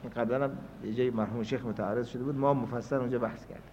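A man teaching a scholarly lecture, reasoning aloud and moving between quiet stretches and emphatic points. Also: mid-range voice, steady tone, a little hiss or hum. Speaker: seminary teacher. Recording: dull lo-fi lecture recording.

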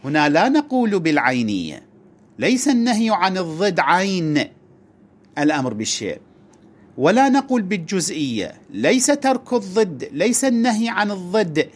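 Lively man giving a lesson. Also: a little high. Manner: methodical, restates and repeats points to explain them. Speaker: religious studies teacher. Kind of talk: lecture.

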